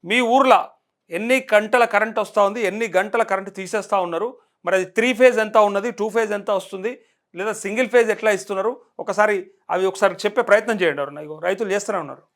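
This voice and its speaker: Deliver this as a male host with a Telangana accent, pushing the words out at a rapid clip in a high register. Keep it urgent and fire off rhetorical questions. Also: a bit bright. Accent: Telangana Telugu. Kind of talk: live call-in political commentary.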